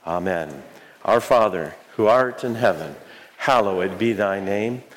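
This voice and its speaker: A man speaking as a Lutheran pastor, leading prayers and liturgy in a measured, solemn, formal way. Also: fairly low pitch, animated, low-quality recording.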